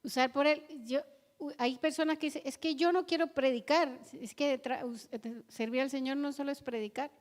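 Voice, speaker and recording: A woman preacher, telling stories and asking the congregation questions in an animated sermon. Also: fairly high pitch. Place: church hall. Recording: long hall reverb.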